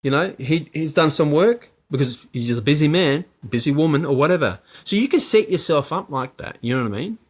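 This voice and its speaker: Animated man, chatty. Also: on the high side, fairly quick, few pauses. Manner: animated, many fillers, acts out quoted lines. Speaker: actor and producer guest. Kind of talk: casual interview chat.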